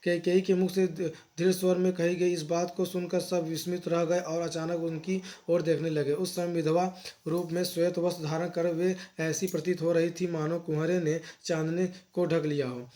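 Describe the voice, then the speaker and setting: A male teacher works through a school poetry lesson. His voice sits fairly high and moves very little in pitch. He reads the verses slowly, then explains each one in a brisk classroom manner. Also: level tone, dark tone.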